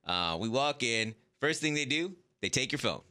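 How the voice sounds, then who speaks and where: Male podcast host, casual storyteller, lively pitch, bright tone, laughs a lot. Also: normal speed, clean tone. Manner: animated, laughs often, acts out whispers.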